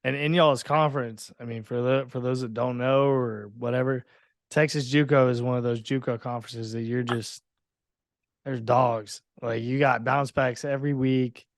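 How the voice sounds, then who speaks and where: A man's voice: mid-range voice, fairly even intonation, dry recording. A young man with a mid-range voice hosts a casual interview in a friendly, easygoing way. He is recorded close and dry. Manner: laid-back, chummy, quick to agree. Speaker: podcast host.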